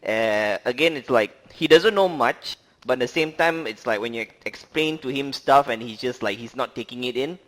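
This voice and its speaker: A man's voice: medium pitch, normal speed, fairly bright tone. A man co-hosting a casual movie review chat, rambling with many fillers and laughing often. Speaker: podcast co-host.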